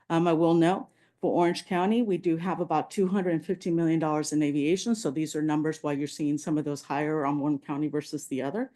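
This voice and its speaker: A woman's voice: low voice, dark tone. A woman presenting slides at a public planning meeting, walking through figures with frequent fillers like "um". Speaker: transportation agency presenter.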